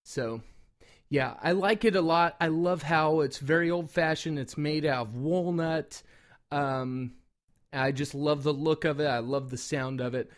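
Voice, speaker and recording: Casual man with a higher-pitched voice. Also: steady tone, measured pace. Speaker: product reviewer and call maker. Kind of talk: casual product review talk.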